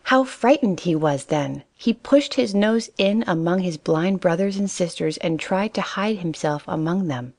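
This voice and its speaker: Lady calmly reading a kids story, lowish voice, steady. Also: measured pace, few pauses, no echo. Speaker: narrator. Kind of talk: storybook narration.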